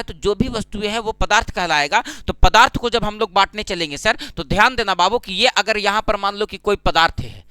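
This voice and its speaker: In an exam-prep classroom lecture, a man asks his own questions, answers them and repeats key terms, addressing students as "sir" and "babu." His voice is high-pitched and sharp, recorded clean with no room sound.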